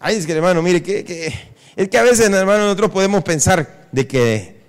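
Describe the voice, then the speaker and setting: A man's voice: high voice, lively intonation, normal speed, smooth. Male pastor, emphatic sermon, reverberant hall. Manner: emphatic preaching, repeats phrases, asks the audience.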